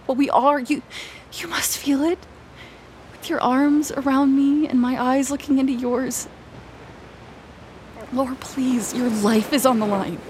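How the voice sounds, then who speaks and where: A high-pitched young woman, played by an actress, speaks with earnest, wounded intensity in an audio drama. She is emotional and insistent, the lovestruck best friend. Clear watery, engine-like noise runs behind her. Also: fairly even intonation, measured pace, darkish tone. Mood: pleading, tender.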